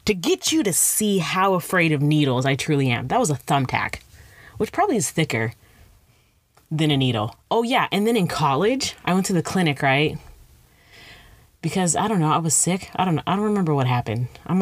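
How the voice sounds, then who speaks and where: Low-voiced young woman telling comic stories. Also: no room sound. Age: young adult. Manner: rambling, self-mocking, playful tangents. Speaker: storyteller. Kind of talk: comedic storytime monologue.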